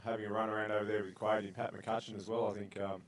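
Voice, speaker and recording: A man's voice: lowish voice, flat delivery, fast talker, a little hiss or hum. A man, a rugby player guest, talking in a laid-back way with lots of fillers. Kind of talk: casual sports chat.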